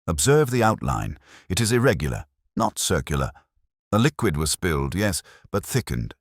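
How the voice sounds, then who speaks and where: A man performs a brilliant detective in an audiobook mystery, with a very deep voice and animated intonation. He is formal, commanding and incisive, setting out each deduction with deliberate precision. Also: dry recording, clean studio sound, exaggerated voice. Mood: analytical, assured. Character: brilliant, precise, commanding male consulting detective Sherlock Holmes.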